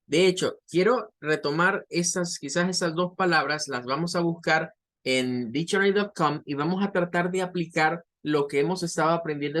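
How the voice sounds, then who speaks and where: A man's voice: a little high, a bit bright. A man teaching an online pronunciation lesson, patiently repeating words to model each sound. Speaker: English teacher.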